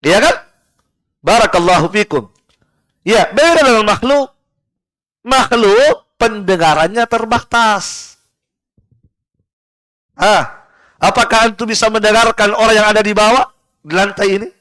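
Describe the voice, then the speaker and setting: A man teaching Quranic interpretation to a live class in a prayer room keeps posing "why" questions and supplying the answers himself in an animated, rhetorical style. His voice is high, Arabic verses come in a slow chant, and there is no echo.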